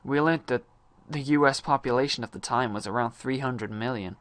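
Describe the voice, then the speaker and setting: Male actor as restless, disillusioned high-school guy, hammy stage monologue delivery, mid pitch, close dry recording. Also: fairly quick, a bit bright, no echo, lightly acted. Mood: earnest, reflective. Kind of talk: dramatic monologue reading.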